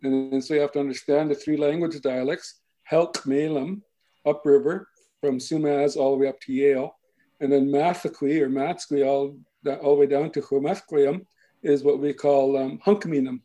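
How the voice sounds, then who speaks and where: A man with a slightly high, mellow voice explains things in a slow, patient way. He often pauses to check that the listener is following. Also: fairly even intonation, rough recording. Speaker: language and culture speaker. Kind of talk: explanatory talk.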